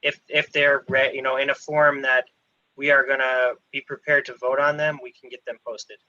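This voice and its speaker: Bright-voiced man on a laggy video call. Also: medium pitch, little pitch movement. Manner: measured and procedural. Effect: on a laggy video call, frozen video and broken-up audio. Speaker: official advising a zoning board. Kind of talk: formal public meeting talk. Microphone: computer mic on a video call. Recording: dull lo-fi video call audio.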